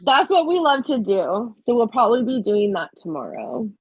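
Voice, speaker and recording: Husky-voiced chatty woman in her thirties. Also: on the high side, very animated, moderate pace, darkish tone, no room sound, low-quality recording. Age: 30s. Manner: chatty, storytelling, many "like" fillers. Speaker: guest. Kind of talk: casual interview chat.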